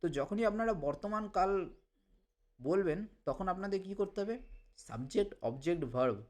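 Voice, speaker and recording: A man with a Bengali accent teaching a language lesson, repeating example phrases slowly for learners. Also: high voice, expressive, a little mellow. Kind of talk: explanatory lesson.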